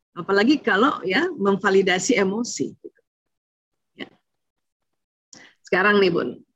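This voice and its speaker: A woman's voice: medium pitch, breathy edge, no echo, lo-fi sound. A woman giving a chatty online talk on parenting to mothers, speaking to them directly and acting out what parents and children say.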